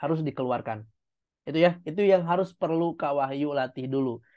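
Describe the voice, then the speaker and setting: This man runs an online public speaking class through a video call, and the audio comes across dull. Fairly high-pitched and brisk, he gives upbeat feedback, walking through things step by step and demonstrating as he goes.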